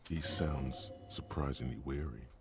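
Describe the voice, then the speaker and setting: Gravelly, very deep game narrator. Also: male voice, over music, heavily acted. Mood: ominous. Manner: measured, atmospheric, wry. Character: gravelly male narrator of a grim detective game.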